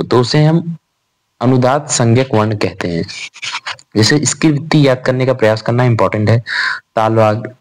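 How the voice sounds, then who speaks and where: Chatty young male grammar tutor. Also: medium pitch. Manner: chatty, addresses students as "bhai", asks and answers his own questions. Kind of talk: informal exam revision lecture.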